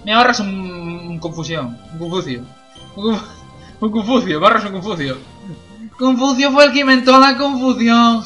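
This gameplay commentator is a young man whose voice is high-pitched and sharp. His casual let's play talk is full of jokes and cursing, and he keeps cracking himself up.

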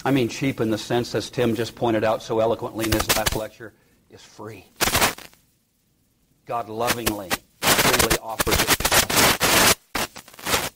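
A man preaching a sermon, retelling a story with sudden rises in pitch and drops to a near hush. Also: level tone, measured pace, long pauses, heavy background noise. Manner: dramatic retelling with acted quotes, rising and dropping to a hush.

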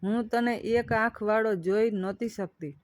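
A woman's voice: on the high side, steady tone, a little slow, no room sound, close to an everyday voice. A woman narrator voicing a loving, self-sacrificing old village mother who speaks to her son with tender pleading.

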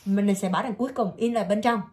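A woman with a Southern Vietnamese accent tutoring English vocabulary one-on-one, patiently drawing words out slowly and repeating them. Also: medium pitch, a little mellow.

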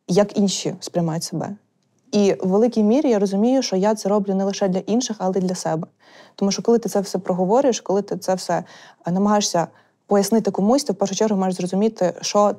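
A young woman talks as a guest in a candid chat, words tumbling out at great speed. Her tone is mellow and soft-edged, and she tells her stories in a lively, chatty way. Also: mid-range voice. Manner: rapid, chatty, animated storytelling.

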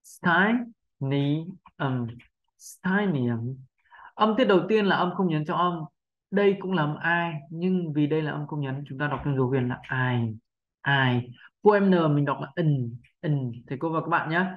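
A patient pronunciation teacher gives a lesson at a mid pitch, drilling each syllable slowly and saying it again and again. The teacher keeps checking that listeners are following. The recording sounds slightly dull and lo-fi. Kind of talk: instructional narration.

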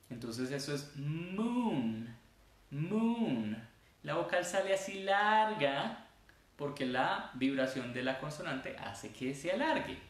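Male pronunciation teacher, slow and deliberate, drawn-out demo sounds, heavy room echo. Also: medium pitch, a bit bright. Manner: slow, demonstrative, stretches sounds to show them. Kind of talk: casual online lesson. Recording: very echoey room.

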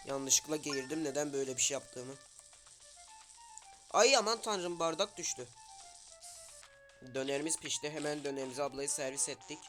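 Male gaming streamer, casual running talk with loud outbursts, faint music bed. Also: medium pitch. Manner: talks to game characters, loud sudden outbursts. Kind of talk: casual game commentary.

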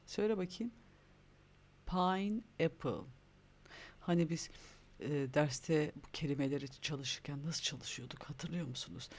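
A man teaching English words to young children in a recorded online lesson, speaking with a Turkish accent and warmly prompting them to repeat after him. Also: on the high side, normal speed. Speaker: primary school English teacher.

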